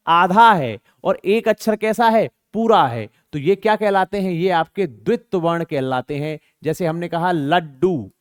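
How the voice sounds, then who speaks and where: A man's voice: sits high, fairly bright tone, smooth, no room sound, clean studio sound. A man teaching an exam-prep grammar lesson, asking rhetorical questions and repeating words to show pronunciation.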